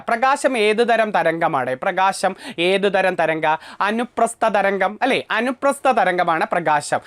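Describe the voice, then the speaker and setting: A man's voice: high-pitched, fairly bright tone, smooth, no room sound, clean studio sound. A man with a Malayali accent teaching an exam prep lesson, asking questions and repeating the answers to drill them in.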